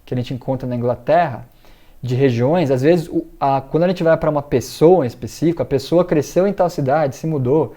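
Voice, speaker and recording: A man's voice: a little high, fairly quick, dark tone. A man teaching English in a casual video lesson, chatting with many fillers and reading out viewer comments. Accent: Brazilian Portuguese.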